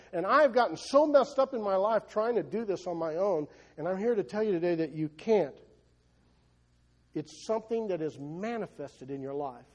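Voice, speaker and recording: A pastor with a high, slightly mellow male voice preaches emphatically to his congregation. He asks rhetorical questions and often repeats words as he goes.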